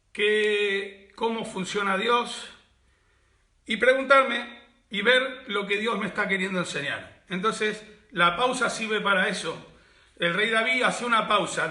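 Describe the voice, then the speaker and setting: A man's voice: sits high, pushed and bright. A male pastor, preaching a reflective sermon that repeats key words and asks rhetorical questions. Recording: echoey room.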